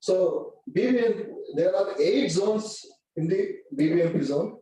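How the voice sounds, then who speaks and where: A man's voice: high voice, fast, dark tone. A man with a Kannada accent from India gives a formal presentation as an academic speaker, switching between languages. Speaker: professor, presenter. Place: conference board room. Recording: roomy, far from microphone.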